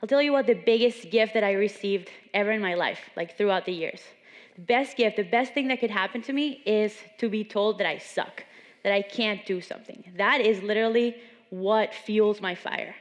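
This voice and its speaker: Seminar speaker: young woman from Venezuela, earnest storytelling, reverberant gym hall, mid pitch. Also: moderate pace. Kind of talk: motivational talk. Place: large gym.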